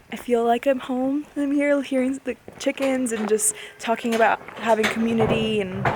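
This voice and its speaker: A woman's voice: on the high side, a little hiss or hum. A young woman from Bulgaria vlogging her travels, enthusiastic and easily impressed. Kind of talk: casual travel vlog chat. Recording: music bed under the voice.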